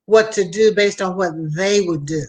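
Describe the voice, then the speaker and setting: A woman's voice: mid-range voice, moderate pace. A woman hosting a conversational motivational show, giving advice emphatically and addressing listeners directly. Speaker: host.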